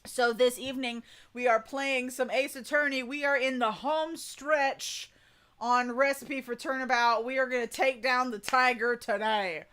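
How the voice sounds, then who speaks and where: A woman's voice: high-pitched, steady tone, a little slow, fairly bright tone, clear, resonant tone. A woman streamer chatting casually and informally with her viewers during a livestream. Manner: chatty, informal, folksy "y'all". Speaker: VTuber streamer, voice coach.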